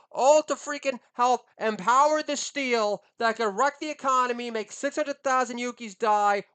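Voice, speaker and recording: Ranting comedian man, smooth voice. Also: very high-pitched. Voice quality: swears heavily, rising into indignant shouting. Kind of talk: ranting stand-up monologue.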